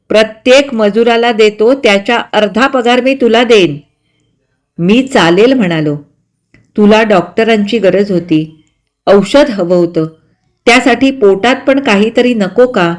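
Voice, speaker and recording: A woman voicing a calm, earnest young schoolboy, the eldest son, who is apologetic. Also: medium pitch, lightly acted.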